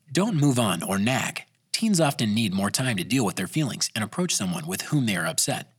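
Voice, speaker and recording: A man narrating a scripted parenting guide in a calm, measured, even way. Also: on the low side, slightly rough, no echo, clean studio sound.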